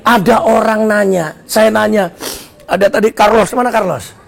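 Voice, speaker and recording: A man preaching a joking, animated sermon as pastor at a church service, shouting at times. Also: sits high, normal speed, creaky. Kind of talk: lively sermon.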